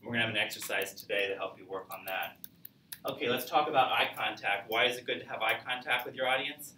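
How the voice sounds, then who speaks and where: Quick-paced, pushed and bright, a man's medium-pitched voice teaches a college public speaking class in a conversational style, putting questions to students. The mic sits far off in an echoey classroom, with slight background noise.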